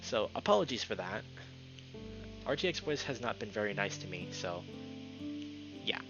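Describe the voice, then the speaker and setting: This man streams a game live, his voice on the low side with big pitch swings at a normal speed. He reads the story text aloud and chats casually, stumbling here and there. His noise-filtering streaming mic sounds muffled, and music plays underneath.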